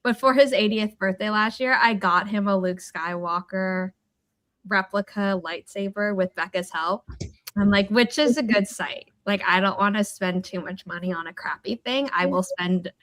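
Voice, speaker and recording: A woman guest in a casual chat, reacting quickly and laughing as she tells stories. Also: medium pitch, a bit bright.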